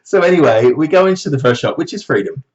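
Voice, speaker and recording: A man telling a story in a casual vlog, animated and swearing, mocking others in high voices. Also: quick pace, lo-fi sound. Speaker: vlogger.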